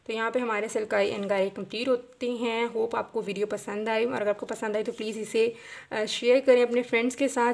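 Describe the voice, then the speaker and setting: A woman's voice: on the high side, creaky. A young woman teaching anatomy, tracing a diagram and patiently repeating key terms, asking and answering her own questions. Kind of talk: explaining while tracing a diagram.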